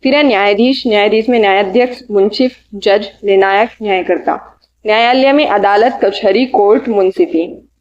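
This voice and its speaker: A woman teaching exam vocabulary, listing synonyms in short bursts and adding quick study tips. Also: medium pitch, darkish tone, dull audio. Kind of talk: reading out synonym lists for an exam lecture.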